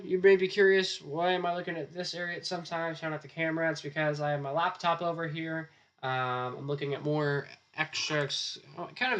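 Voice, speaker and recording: A chief forecaster talks loosely through a live weather stream from a weather center studio, rambling and repeating "again" often. His fairly high, slightly bright voice is strained by a sore throat and starting to go.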